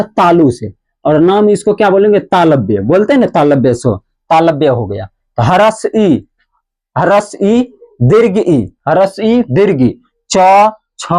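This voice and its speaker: Male grammar teacher, high-pitched, repeats sounds in drills and quizzes himself aloud. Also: a little mellow. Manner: drills sounds by repeating them and asking questions he answers himself; drawn-out, emphatic pronunciation of letters. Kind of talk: Hindi grammar lesson.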